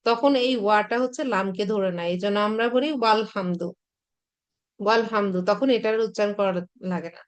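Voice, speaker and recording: Woman teaching patiently. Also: a little high. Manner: patient, repetitive explanation with many fillers. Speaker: Arabic teacher. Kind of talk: recorded online class lecture.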